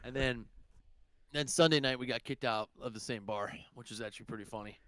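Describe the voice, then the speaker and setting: A man's voice: medium pitch, fairly quick, a bit bright, dry recording. Profane rambling young man. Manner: rambling, profane, lots of fillers. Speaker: podcast co-host. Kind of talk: casual chat.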